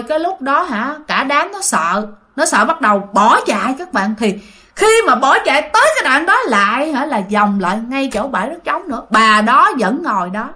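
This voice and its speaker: A woman's voice: sits high, bright, forceful tone. A woman narrating a ghost story in a chatty way, often turning to her listeners. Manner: chatty, addresses listeners directly.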